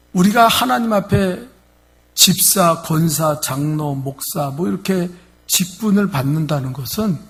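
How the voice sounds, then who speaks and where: Gravelly Korean preacher delivering a sermon. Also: male voice, a little high. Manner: emphatic, addressing the congregation directly. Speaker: pastor. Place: church sanctuary.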